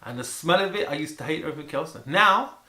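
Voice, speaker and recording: A man chatting casually and excitedly to camera about food, rambling and repeating words for emphasis. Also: a little high, fast. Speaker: vlogger presenting food to camera. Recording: echoey room with faint background noise.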